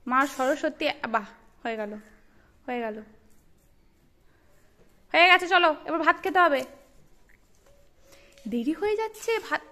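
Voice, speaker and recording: A woman's voice: high voice, expressive, a little slow, pauses often, bright, forceful tone. A young woman, a mother, chatting playfully with her small child, half teasing and half scolding. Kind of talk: casual family chat with a child.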